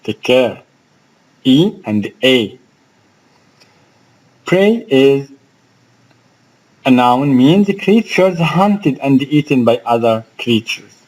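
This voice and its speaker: Man, Egyptian accent, English vocabulary lesson, slow delivery, asks questions. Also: medium pitch, expressive, darkish tone, poor audio. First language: Arabic. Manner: slow, explaining, spells out words and asks the class questions. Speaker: English teacher.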